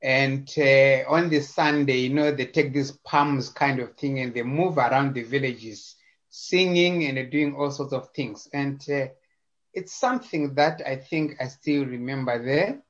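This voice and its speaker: Speaking at a measured pace in a medium-pitched voice, a Zimbabwean man chats as a guest on a video call. He's informal and halting, full of fillers and repeated words. The audio quality is slightly dull.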